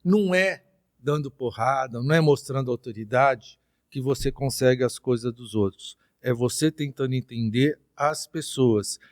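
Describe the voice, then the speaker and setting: A middle-aged man with a Brazilian accent talks as a podcast guest at a moderate pitch. He tells his story in a lively, anecdotal way and slips into the voices of the people he quotes. The sound is close and dry, with no room echo. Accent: Brazilian Portuguese. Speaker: interview guest.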